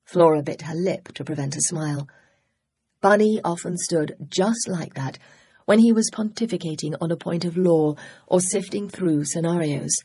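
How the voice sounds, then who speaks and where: A woman reads an audiobook in a measured storytelling manner. Her voice is low and husky, with a steady gravelly grain running through it. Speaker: audiobook narrator. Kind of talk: audiobook narration.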